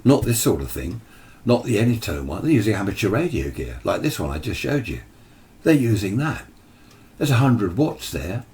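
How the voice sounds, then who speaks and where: Speaking at a normal speed, this British amateur radio video presenter is very animated, his voice on the low side and a little mellow. He gives a casual, opinionated hobby explainer, chatting conversationally and acting out imagined replies.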